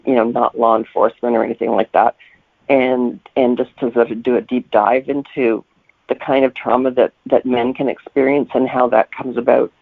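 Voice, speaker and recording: Answering interview questions as a guest novelist, a man with a gravelly, medium-pitched voice reflects and explains conversationally. There's no room sound, and the line is thin, like a telephone.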